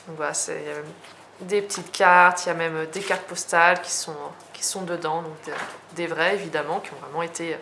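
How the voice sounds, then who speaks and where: A woman's voice: fairly low pitch, steady tone, a little fast, bright, forceful tone, slight background noise. A young French woman chatting casually as she shows her journals, talking with many fillers and restarts. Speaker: journaling vlogger. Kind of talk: casual show-and-tell.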